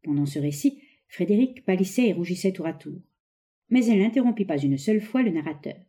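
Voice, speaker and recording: Dark-voiced woman narrating a novel. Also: fairly low pitch, lively intonation, a little fast.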